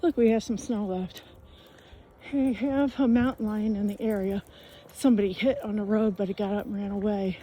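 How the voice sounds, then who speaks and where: A woman's voice: medium pitch, fairly even intonation, normal speed, warm tone, a little hiss or hum. A woman telling a camping story while walking outdoors, out of breath, rambling and colloquial with lots of fillers. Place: outdoors on a riverside trail.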